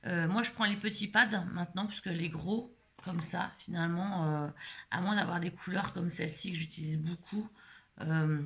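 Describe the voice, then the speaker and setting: Middle-aged woman vlogger, lowish gravelly voice, chatty and hesitant while showing a craft project. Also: fairly bright tone. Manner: rambling, many hesitations and fillers. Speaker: scrapbooking vlogger. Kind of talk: casual live craft demonstration.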